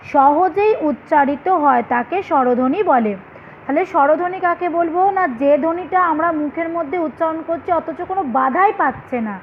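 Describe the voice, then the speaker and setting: A woman teacher with a Bengali accent giving a primary school lesson, explaining patiently and repeating each point back as a question to her students. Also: sits high. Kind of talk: online class lesson. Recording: dull lo-fi recording with faint noise.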